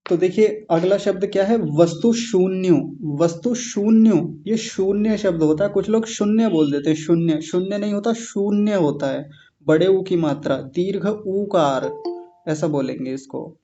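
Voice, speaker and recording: Mellow-voiced man teaching online. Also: fairly high pitch. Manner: patient, spells out Sanskrit terms slowly. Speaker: teacher of yoga philosophy. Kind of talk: online class lecture. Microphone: video call. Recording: dull lo-fi video call audio.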